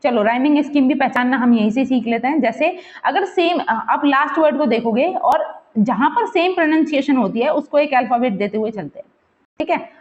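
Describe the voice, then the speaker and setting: Pointing to the text, a teacher counts and repeats words aloud as she explains a poem to help her students prepare for an exam, weaving in English terms and checking in with them often. Her voice is on the high side, and the recording's highs are cut off.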